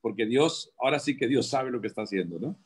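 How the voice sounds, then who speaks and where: A man speaks in a husky, somewhat breathy voice at an ordinary male pitch. He preaches in conversation from a radio studio, emphatic and full of rhetorical questions. His sentences often restart midway as he drives his point home. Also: expressive, fast. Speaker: prison preacher.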